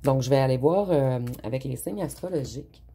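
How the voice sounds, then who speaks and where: A tarot reader, giving an unhurried spoken reading with frequent hesitant pauses. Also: mid-range voice, dark tone, a little hiss or hum.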